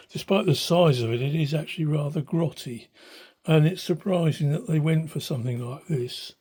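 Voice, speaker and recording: An older man who restores radios as a hobby gives an unscripted demonstration in a small, cluttered room, filmed on a handheld phone from behind the camera. His voice is fairly high, mellow and a bit breathy, and he speaks hesitantly and thoughtfully.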